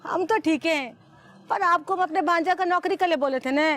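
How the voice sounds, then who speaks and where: Brief: pleading neighbor, high voice. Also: female voice, moderate pace, a bit bright. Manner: pleading, persistent. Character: pleading neighbor woman seeking a favor. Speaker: actor.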